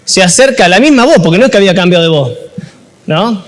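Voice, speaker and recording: A high-pitched, expressive man with a Rioplatense Argentine accent speaks fast in a big-sounding room. As a youth ministry speaker at a workshop, he gives a chatty, joking informal sermon and keeps asking the audience questions.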